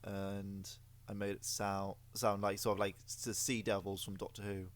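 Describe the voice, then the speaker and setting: A man's voice: fairly low pitch, flat delivery, moderate pace, a little hiss or hum. A man joining casual commentary, joking and exclaiming at what is on screen. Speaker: guest co-commentator.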